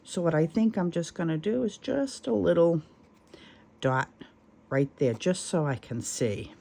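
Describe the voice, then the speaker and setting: A middle-aged woman with a slightly low voice talks viewers through a sewing project at home. She rambles, wanders off into asides and laughs at her own goofs. It sounds like easy, unscripted craft-tutorial chat. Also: lively intonation, measured pace, vocal fry, mellow. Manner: chatty, self-deprecating, rambling asides. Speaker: craft channel host.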